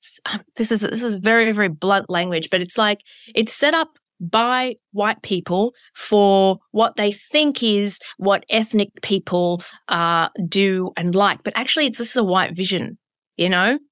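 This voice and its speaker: A woman's voice: mid-range voice, measured pace, a bit bright, smooth, no room sound, studio quality. Candid woman with broad Australian accent. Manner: candid, emphatic, piles up synonyms. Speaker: interview guest. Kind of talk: reflective conversational interview.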